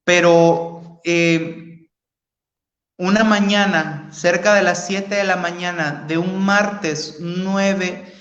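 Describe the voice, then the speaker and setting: A man's voice: high voice, fairly even intonation, extremely slow, fairly bright tone, dull audio. A man giving an earnest religious testimony, speaking to listeners as brothers and sisters. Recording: roomy echo.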